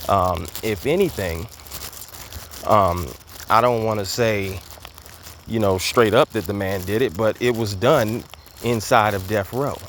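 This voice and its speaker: Walking outdoors with slight background noise around him, a commentary host keeps up a casual monologue, a bit out of breath. His voice is on the low side and a bit bright, and his delivery is loose and emphatic, thick with fillers and repeated words.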